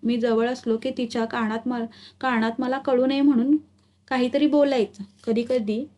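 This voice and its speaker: A woman's voice: on the high side, fairly even intonation, moderate pace, darkish tone. A woman narrating a village story aloud, reading the characters' lines in village dialect. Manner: reads a rural village tale, voicing dialogue in village dialect.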